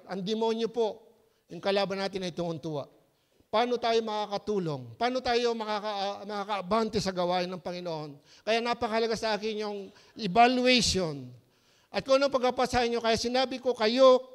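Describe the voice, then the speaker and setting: A Filipino man preaching a sermon in a strikingly high, gravelly voice. He keeps calling out to the congregation, dropping to soft asides and then rising to loud emphasis. The sound carries a long hall reverb. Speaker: pastor.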